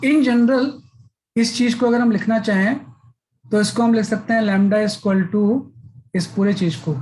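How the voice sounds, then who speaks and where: A male physics teacher with a high, slightly mellow voice gives a classroom lecture, captured on a rough recording. He explains things step by step, checks in often, and keeps repeating the filler "है ना".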